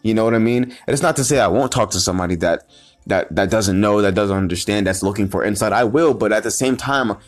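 A man delivering a heated, unscripted motivational rant. He swears constantly, repeats himself and restarts his sentences, and builds to loud, emphatic bursts. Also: on the low side, fast, soft background music. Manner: profane, repetitive and rambling, with frequent restarts. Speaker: motivational vlogger.

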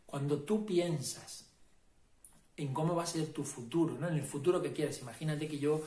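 With a warm, somewhat high voice at normal speed, a man leads a casual motivational talk as a self-help and meditation guide, heard in a reverberant space. He is emphatic and repetitive, often checking in with the listener by asking "¿no?" and "¿vale?".

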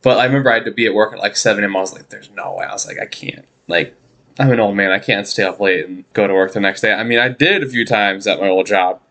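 A man's voice: fairly low pitch, fast, fairly bright tone. Rambling man in his thirties. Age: 30s. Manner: rambling, self-deprecating storyteller. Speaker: podcast host. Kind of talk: casual chat.

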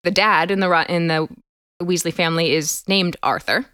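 A woman's voice: fairly low pitch, fairly even intonation, moderate pace, pushed and bright, clean tone, dry recording, clean studio sound. A woman co-hosting a casual podcast, explaining things at length and laughing often. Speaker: podcast co-host.

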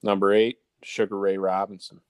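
Low-voiced man reading a countdown list. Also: level tone, moderate pace, clean tone, no echo. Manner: announces each ranked number, then the name. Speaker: sports talk show panelist presenting a list. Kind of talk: top ten countdown of sports nicknames, read out casually to co-hosts.

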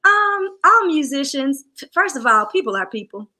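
Southern lady w a country accent, kinda high n bright, goofy loud casual chat. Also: very animated, normal speed. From Southern United States. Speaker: musician guest.

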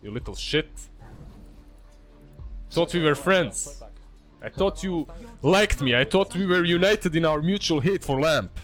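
A man doing a petty Slavic bruiser, put-on Slavic accent, high voice, faint music behind. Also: lively intonation, unhurried, long pauses, a bit bright. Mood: mock-threatening. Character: mock-menacing Slavic man, petty, needy.

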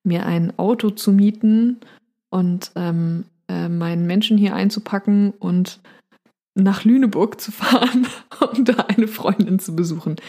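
A woman co-hosting a casual podcast, musing hesitantly with many pauses. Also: medium pitch, dark tone. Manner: hesitant, many fillers, reflective. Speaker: podcast co-host. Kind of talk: casual chat.

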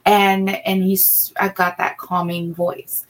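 With a mid-range voice, little pitch movement and a slow pace, a middle-aged woman co-hosts a podcast as co-host and assistant. Her casual chatter rambles, peppered with ums and restarts.

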